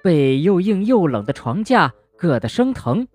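A woman narrating a children's bedtime story gently and expressively, speaking to a young listener. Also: lowish voice, big pitch swings, a little slow, no room sound, soft background music.

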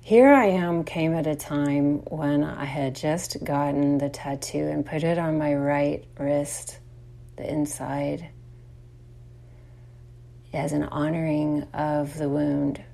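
Woman, podcast host, casual reflective monologue, rambling with fillers, says y'all, very slow, gravelly fry. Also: sits low, fairly even intonation, mellow. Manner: chatty, addresses listeners as y'all.

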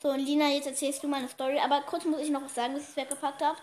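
A woman's voice: high-pitched, flat delivery, racing, darkish tone. A girl of about ten or eleven hosting a casual podcast with her younger sister, chatty and a bit bossy. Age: child, about 10 to 11. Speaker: podcast host. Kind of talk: casual kids' podcast chat.

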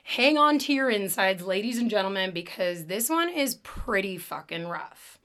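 A woman podcast host with a raspy smoker's voice, chatting casually and informally about true crime, with swearing and jokes. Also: mid-range voice, expressive, normal speed, a bit bright.

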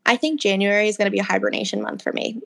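A woman's voice: medium pitch, fairly even intonation, racing, vocal fry. A young woman co-hosting a casual chat, telling anecdotes by acting out who said what, with plenty of "like". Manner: anecdotal, acts out quoted exchanges, frequent "like". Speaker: podcast co-host.

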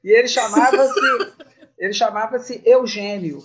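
A woman's voice: on the high side, unhurried. A woman in her sixties telling family stories in an interview, laughing often as she reminisces. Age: 60s. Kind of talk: storytelling interview. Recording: muffled lo-fi sound.

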